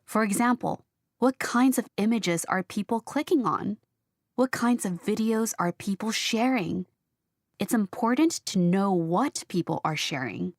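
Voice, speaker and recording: A woman speaking as a graphic designer in a scripted textbook interview, explaining her work clearly. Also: medium pitch, dry recording, studio quality.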